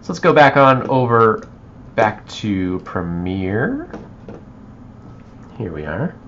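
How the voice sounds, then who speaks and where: A man walking viewers through a video edit on a livestream, thinking aloud and trailing off into quiet mutters as he works. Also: lowish voice, very animated, takes it slowly, dull audio, a little hiss or hum. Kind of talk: live editing walkthrough.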